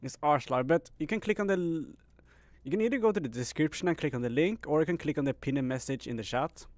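A man's voice: fairly high pitch, lively intonation, fast talker, darkish tone, no echo. A young man live-streaming a game, chatting casually with viewers, laughing often and calling people bro and man. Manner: laid-back, laughs often, says "bro" and "man" a lot.

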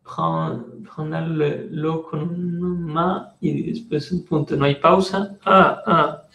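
Slow-talking teacher in an echoey room. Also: male voice, fairly high pitch, bright, forceful tone, muffled recording. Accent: Colombian. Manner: explains patiently, models French sounds slowly. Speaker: French teacher. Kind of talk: online language class.

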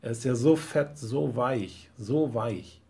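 A man's voice: medium pitch, takes it slowly, creaky, darkish tone. A man voicing a cruel, giggling young woman in a read-aloud short story, gushing and mocking.

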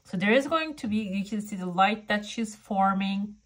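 A woman's voice: mid-range voice, animated, normal speed. A woman who is a non-native English speaker, talking casually as a fortune teller giving a reading straight to the viewer. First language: not English. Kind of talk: casual coffee cup and oracle card reading to camera.

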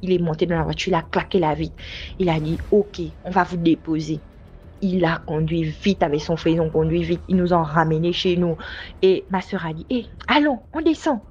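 A woman's voice: normal speed, slight background noise. A young woman casually recounting a personal night-out story, animating the voices she quotes. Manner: lively, acts out quoted voices with big pitch jumps. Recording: slightly dull lo-fi sound.

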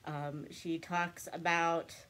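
Stuffed up with a cold, a young woman who vlogs about books and crafts chats casually to camera, rambling and laughing often. She sits in front of a cabinet in a small indoor room. Her voice is fairly low and fairly bright, level in tone, and she takes it slowly.

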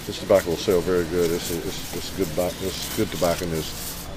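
Low-voiced man explaining tobacco plainly. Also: flat delivery, noisy background. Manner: plain, matter-of-fact, halting. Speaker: tobacco buyer explaining grades. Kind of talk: casual explanation. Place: indoor tobacco warehouse.

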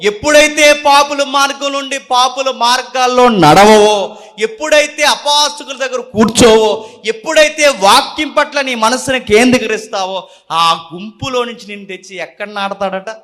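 A man's voice: very high-pitched, normal speed, fairly bright tone. A man preaching a live sermon, scolding his listeners with fiery rhetorical questions. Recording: long reverb of a large hall.

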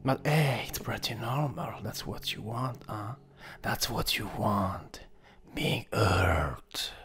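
A man voicing a sadistic, possessive incubus demon in an ASMR role-play, taunting and menacing, with a breathy, gravelly delivery. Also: fairly low pitch. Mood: sadistic, teasing. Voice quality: breathy soft voice with gravelly creak. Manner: slow, menacing, mocking incubus teasing.

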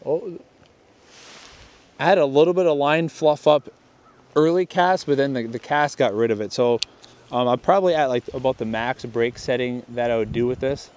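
This young man's medium-pitched, darkish voice moves at normal speed as he hosts a fishing video outdoors by a lake. Filmed on a chest-mounted camera, he rambles through a laid-back gear test, often restarting what he's saying.

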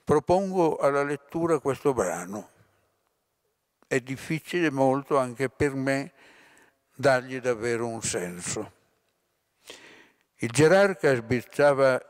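A man lectures and reads a literary passage aloud at a measured, expressive pace. His voice is mid-pitched, and the recording is close and dry, with no room echo. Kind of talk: reading a novel passage aloud.

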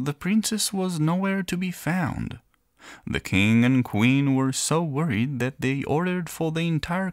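A man reading a children's fairy tale aloud in a gentle, playful storyteller manner. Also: medium pitch, no echo, studio quality. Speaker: narrator.

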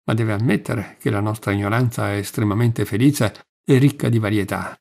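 A man reading the part of an ironic, calm man in a debate, with a gravelly voice. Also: lowish voice, normal speed. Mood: calm wry. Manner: calm, wry. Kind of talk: audiobook reading.

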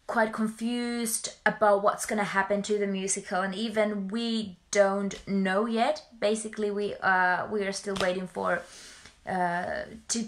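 A young woman from Finland talks casually to followers on a livestream. Her voice sits at a medium pitch. She speaks in a halting, hesitant way, often repeating words as she finds the next thought. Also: a bit bright. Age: young adult. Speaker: musical performer livestreaming to followers. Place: small bedroom at home, indoors. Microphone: phone or webcam at arm's length.

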